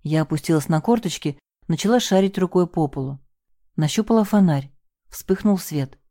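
A woman with a low, dark, mellow voice narrates a tense first-person story. The sound is dry and close, with no room around it. She lifts her pitch and pushes harder when the characters shout. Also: lively intonation, moderate pace, no echo. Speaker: audiobook narrator.

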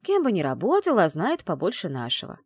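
Woman voicing a shrewd witch mother, gentle, teasing, low and lively, dry close sound. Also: a little fast, husky, dry recording, exaggerated voice. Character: caring, shrewd middle-aged witch mother. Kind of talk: audiobook character voice.

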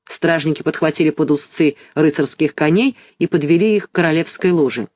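A reader narrating a children's audiobook chapter in a measured, even storytelling manner. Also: mid-range voice, no room sound.

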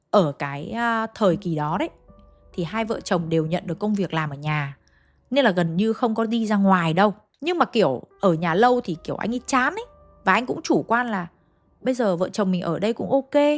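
A woman telling a ghost story in a chatty, casual way, talking straight to her listeners. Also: mid-range voice. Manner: chatty, addresses listeners directly.

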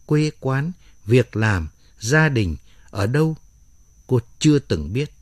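A man narrating a dramatic story aloud in an expressive storytelling manner. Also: mid-range voice, no room sound, clean studio sound.

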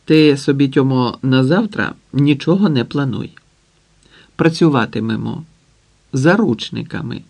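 A man's voice: medium pitch, measured pace, vocal fry, a little mellow. A man voicing a stern, dry-witted mother of a big family, curt and sarcastic as she scolds.

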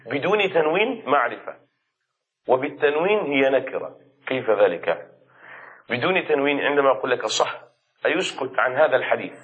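A man teaching an Arabic grammar lesson to students. He explains slowly, repeats key words and keeps asking them questions as he goes. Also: medium pitch, narrow, tinny audio. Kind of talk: classroom lesson.

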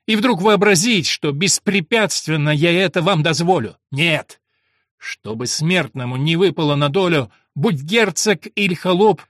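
A man's voice: a little high, fairly bright tone, no room sound, studio quality. A man reading a verse play aloud and voicing a servant torn between vengeance and love, in a declamatory manner. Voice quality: husky, declamatory. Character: Ruy Blas, lovesick servant turned avenger, adult man.

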